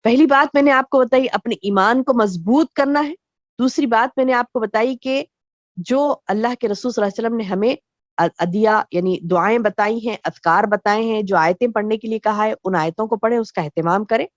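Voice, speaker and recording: A woman's voice: fairly high pitch, no room sound. Woman giving a dull lo-fi religious lecture. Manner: explains slowly with repeated phrases and rhetorical questions. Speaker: Islamic religious teacher.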